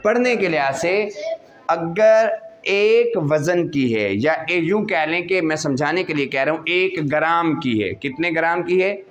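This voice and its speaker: A man with a Pakistani Urdu accent teaching a class how to recite, drawing out sounds slowly to model them and asking and answering his own questions. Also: on the high side, lively intonation.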